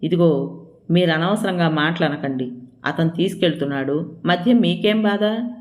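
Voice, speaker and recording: A narrator reading an indignant young wife, snappish, sulky, raised pitch, audio story. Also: measured pace, natural voice. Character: resentful young wife, sharp-tongued and sulky.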